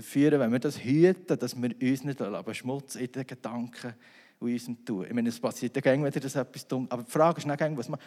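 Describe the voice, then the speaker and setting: A man's voice: medium pitch, a little mellow. A man preaching a sermon in a loose, conversational way full of asides and restarts. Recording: long reverb of a hall.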